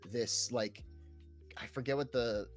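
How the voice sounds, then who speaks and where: This medium-pitched co-host speaks unhurriedly with fairly even intonation, rambling casually about video games on a podcast. Fillers like "like", "right" and "you know" keep tagging his phrases, and there is background music.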